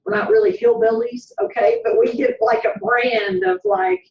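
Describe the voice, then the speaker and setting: A woman's voice: on the high side, expressive, normal speed. A woman with a Southern US accent, telling stories in a chatty way with swooping intonation as an interview guest. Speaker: private investigator, guest. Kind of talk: animated storytelling in conversation. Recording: roomy, distant, slightly dull sound.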